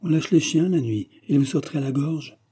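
A man's voice: medium pitch, a little fast, dark tone, breathy edge, close to an everyday voice. A man voicing an anxious, scrupulous young woman in an audiobook, speaking earnestly and pleadingly. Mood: alarmed.

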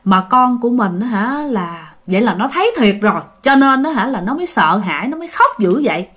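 High, lively woman storyteller. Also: brisk. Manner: chatty, addresses listeners directly, acts out quoted voices. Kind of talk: casual ghost-story narration.

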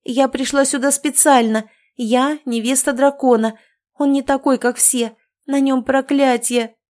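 A woman's voice: mid-range voice, normal speed, a little mellow, close to an everyday voice. Woman playing a fierce, defiant heroine. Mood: pleading. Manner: pleading then threatening, raised.

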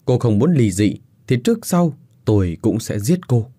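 A man's voice: medium pitch, sing-song, normal speed, warm tone, husky, no room sound, clean studio sound. A man playing a cruel, cold husband who speaks in harsh, commanding threats.

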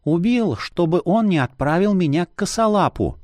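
A man's voice: sits high, animated, normal speed, darkish tone, dry recording, voice pushed up. A man voicing a young princess in an audiobook, anxious and impulsive, with a pleading, breathless manner.

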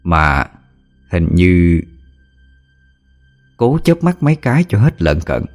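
Deep-voiced guy narrating a spooky story, really expressive, faint music behind. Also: slow pace. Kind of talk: scripted horror story narration.

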